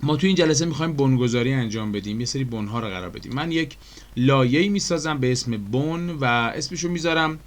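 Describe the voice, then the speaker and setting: Here a man's expressive, mid-range voice carries an Iranian Persian accent as he explains an animation project step by step in a screen recording. He's chatty, leans on fillers, asks his viewers questions often, and addresses them as dear friends.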